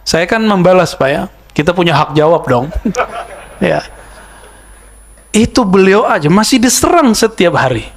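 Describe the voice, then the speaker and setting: A man preaching in a relaxed, conversational sermon, his voice sitting a little high for a man. He throws in rhetorical questions and teasing asides, then slows down to chant scripture. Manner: chants Arabic verses slowly.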